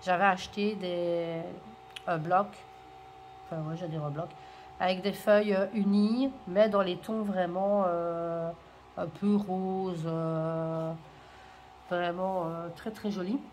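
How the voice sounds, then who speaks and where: A woman's voice: fairly low pitch, fairly even intonation, slow pace, a little mellow, slight background noise. A woman chatting hesitantly in a craft haul vlog, full of fillers and gushing over cute items. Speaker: scrapbooking haul vlogger. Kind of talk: casual show-and-tell chat.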